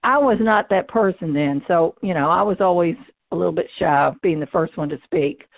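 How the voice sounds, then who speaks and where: A woman's voice: fairly low pitch, fairly quick, vocal fry, no room sound. Older woman with numb-mouthed speech, phone-like sound. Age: 60s or older. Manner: candid, emphatic, informal. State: numb face and nose. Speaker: interviewee. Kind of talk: oral history interview, casual recollection. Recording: thin, phone-like, band-limited sound.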